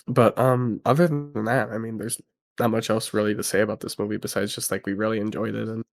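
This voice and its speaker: Sick, nasal man talking low and quiet. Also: little pitch movement, creaky, dry recording. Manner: low, quiet, halting with many fillers. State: sick, congested. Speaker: guest movie reviewer. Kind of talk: casual review chat.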